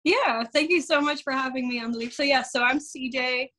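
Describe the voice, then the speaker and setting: A Dutch woman in her thirties chats as a guest on a podcast in a relaxed interview. Her voice sits high and sounds pushed and bright, her pace is fairly quick, and she fills her talk with fillers and frequent laughter.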